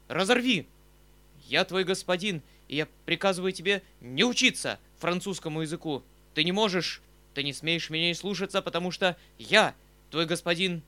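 A man voicing an excitable elderly uncle, a retired hussar colonel, speaking in impassioned exclamations. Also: fairly high pitch, unhurried, long pauses, voice pushed up, natural voice. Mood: furious.

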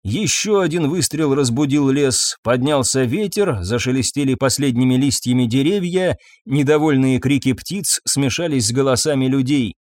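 A man narrating an audiobook in an expressive, dramatic reading style. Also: medium pitch, moderate pace, hardly any pauses, dry recording, clean studio sound.

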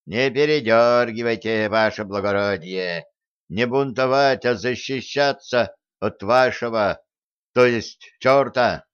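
A man voicing bold, stubborn armed peasant men who shout back loudly and cheekily. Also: medium pitch, slow pace, smooth, lightly acted. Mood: defiant, cheeky. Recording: slightly dull recording.

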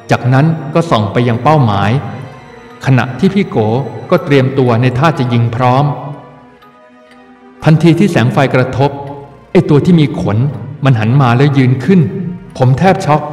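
Male ghost story narrator, echoey and distant. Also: mid-range voice. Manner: measured, suspenseful telling. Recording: far-off echoey room with music.

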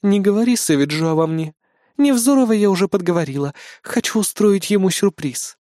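A man reading an audiobook, voicing a sly young queen who talks in a soft, purring way. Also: high-pitched, animated, brisk, no echo, studio quality, voice pushed up. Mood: hushed. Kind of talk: audiobook character voice.

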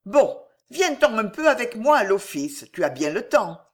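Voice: medium pitch, sing-song, normal speed, voice pushed up. A reader voicing a teasing, anxious young serving girl in an audiobook. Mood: coaxing. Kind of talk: audiobook character reading.

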